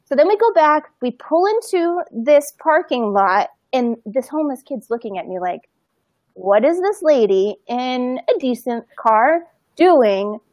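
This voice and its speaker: A woman in her thirties co-hosts a podcast, casually telling an animated story in which she acts out the voices and laughs often. Her voice is high-pitched and her pace measured, in a dry recording.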